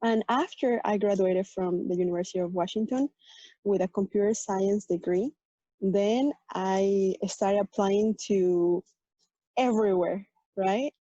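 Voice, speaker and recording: A woman from Mexico, whose first language is Spanish, speaks with a Mexican accent as a tech program manager sharing her work and personal story on a virtual panel. She's earnest, with fillers and restarts, in a warm, mid-range voice at a measured pace. The video call audio is dull and lo-fi, with no echo.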